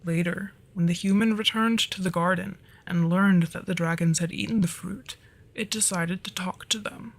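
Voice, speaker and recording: This is an ASMR roleplay where a performer of unclear sex, with a mid-range voice, portrays a dragon storyteller who flirts and gets flustered easily. The acting is light, and the delivery is soft and breathy with frequent whispers, fairly even intonation, and a moderate pace, keeping a gentle storytelling feel.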